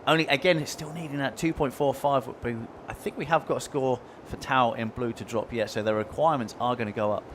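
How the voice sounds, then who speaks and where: A man's voice: medium pitch, fairly even intonation, a little fast, hardly any pauses, a bit bright, a little hiss or hum. A man giving conversational live surfing analysis in a laid-back, informal way. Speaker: surfing colour commentator.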